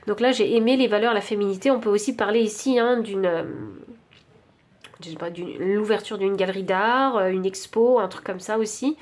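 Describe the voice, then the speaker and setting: A woman with a French accent giving an intuitive tarot reading, thinking aloud with many pauses and fillers. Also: medium pitch. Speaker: tarot card reader.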